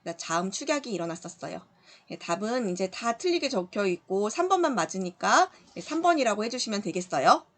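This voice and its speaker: A woman's voice: mid-range voice, big pitch swings, fairly quick, a bit bright. A woman teacher walking students through exercises in a recorded online lesson, patient and explanatory, often checking in with the class. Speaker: middle school Korean teacher.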